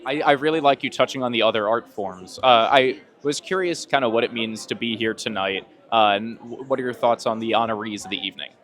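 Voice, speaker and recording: A man talks very quickly in a mid-range voice as a red carpet interviewer. His chatter is gushing and encouraging, with tentative, circling questions. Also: medium pitch, fairly bright tone.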